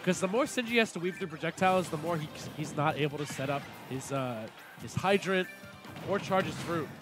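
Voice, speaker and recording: Man, esports commentator, slightly high voice, analytical play-by-play, jokey asides, music behind. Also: brisk.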